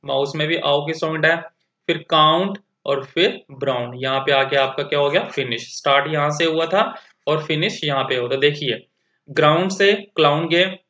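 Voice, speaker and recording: A male teacher walking students through a textbook lesson, reading English lines slowly and then explaining them in plain conversational terms. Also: a little high, a bit bright. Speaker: school teacher. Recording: echoey, dull lo-fi audio.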